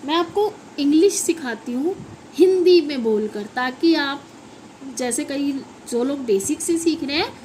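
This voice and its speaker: A woman's voice: sits high, expressive, unhurried, darkish tone, slight background noise, rough recording. A woman with an Indian accent, a native Hindi speaker, teaches English phonics to children, spelling words out letter by letter and asking the class to repeat them.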